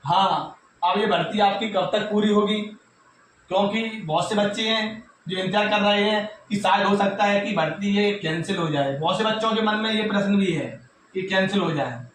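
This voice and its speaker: In a reverberant indoor room, a man speaks to students about exam news at normal speed, his high-pitched voice a bit bright. He has a North Indian accent, keeps the explanation informal, repeats his points, and talks to viewers directly, with a distant mic and faint noise in the recording.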